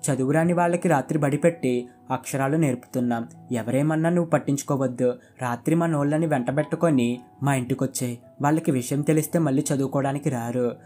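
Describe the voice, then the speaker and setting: A humble young village woman, soft-spoken and devoted, pleading politely as a man reading the tale puts her on. His voice keeps a middling pitch, and a light guitar plays quietly under the storybook reading. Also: fast talker, natural voice. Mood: resolute.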